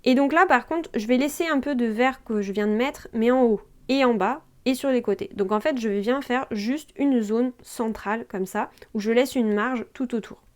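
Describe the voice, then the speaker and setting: A young woman with a fairly high voice talks a viewer through a digital drawing tutorial. She is chatty and informal, and keeps checking in with quick asides while she works. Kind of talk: screen-recorded drawing tutorial.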